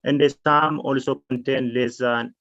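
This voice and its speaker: A man from Ethiopia giving a technical presentation of his solution, halting with fillers and restarts. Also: mid-range voice, steady tone, fairly bright tone, dry recording. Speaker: challenge presenter. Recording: dull lo-fi call audio.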